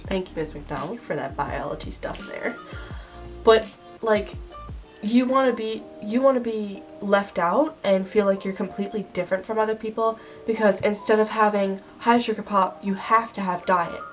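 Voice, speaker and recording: A woman's voice: medium pitch, moderate pace, faint music behind. A young woman with the stuffed-up sound of a head cold, hosting a casual list vlog with sarcastic, dramatic emphasis. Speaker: video host. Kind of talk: casual scripted list vlog with acted skits.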